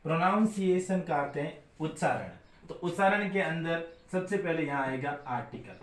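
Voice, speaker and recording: A man's voice: on the high side, moderate pace, roomy sound. A man from India teaching a grammar lesson, asking his own questions and answering them.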